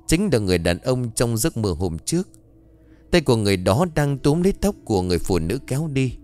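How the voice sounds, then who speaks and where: A man narrating a horror audiobook with dramatic, expressive delivery. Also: lowish voice.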